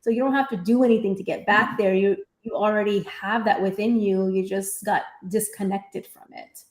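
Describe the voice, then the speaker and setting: A woman's voice: mid-range voice, fairly even intonation, normal speed. A woman teacher co-hosting a live online discussion, explaining ideas in an earnest, conversational way. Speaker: teacher and co-host of a live faith-based discussion. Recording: echoey room on live stream.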